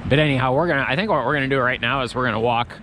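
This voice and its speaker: A travel vlogger strolls through an outdoor Christmas market, his mid-range voice racing as he rambles and keeps restarting his thoughts. A crowd can be heard behind him in this casual walking commentary.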